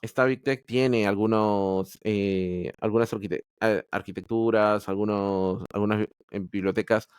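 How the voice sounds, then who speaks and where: A man's voice: fairly low pitch, fairly even intonation, a little slow, hardly any pauses, clean tone, no room sound, studio quality. A man from Peru, telling his story as a podcast guest in a candid, hesitant way full of restarts. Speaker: podcast guest, Android developer. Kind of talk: casual interview storytelling.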